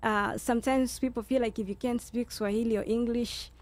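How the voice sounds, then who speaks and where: A woman's voice: on the high side, fairly even intonation, brisk, darkish tone. A woman with a Kenyan accent speaking as a guest in a talk show discussion, making her points emphatically and repeating phrases. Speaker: guest speaker, nurse leader.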